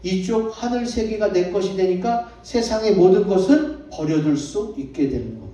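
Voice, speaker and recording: A male pastor with a high, expressive, dark-toned voice delivers a sermon at a moderate pace in a church sanctuary. He repeatedly poses questions to the congregation and answers them himself, recorded from a distant mic in an echoey hall.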